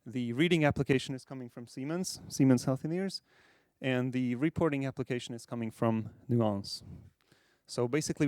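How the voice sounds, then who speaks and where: A man from Hungary, a software architect, giving a measured conference presentation with frequent fillers. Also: mid-range voice, no echo, studio quality. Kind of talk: conference talk.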